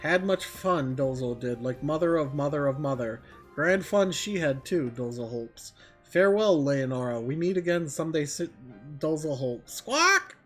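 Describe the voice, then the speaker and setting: Man putting on a high, squawking bird creature. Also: sing-song, normal speed, fairly bright tone, soft background music. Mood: wistful. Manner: inverted word order, third-person self-reference, exclamatory squawks. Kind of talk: reading game dialogue aloud in character.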